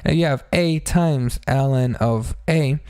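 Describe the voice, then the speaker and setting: A man's voice: medium pitch, takes it slowly, a little mellow, clean tone, no echo, clean studio sound. A man teaching math in an informal, chatty step-by-step way, talking through a sore, injured throat that hurts when he speaks. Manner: chatty, addresses listeners as friends, step-by-step explaining. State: sore throat, pained to talk after a blow to the throat. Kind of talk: informal tutorial on math problems.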